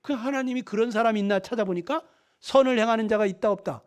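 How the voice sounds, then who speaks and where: Male lay preacher, very high-pitched, emphatic, rhetorical-question delivery at a gospel meeting. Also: quick pace. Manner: emphatic, keeps prodding listeners with rhetorical questions.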